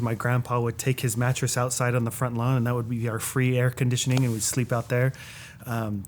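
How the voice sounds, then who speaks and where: A man's voice: medium pitch, a little mellow. Friendly man telling stories, faint background hiss. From Utah. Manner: friendly, reflective storytelling. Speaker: state legislator. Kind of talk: casual conversation.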